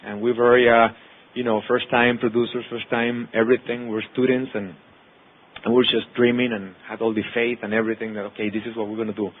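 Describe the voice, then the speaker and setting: Here a man from Mexico, in his thirties and Spanish-speaking by birth, shares a sincere testimony with an audience, talking as an actor and producer with a Mexican accent. His mid-range voice stays level and quick while he reels off long runs of words. Recording quality is tinny, as if over a phone.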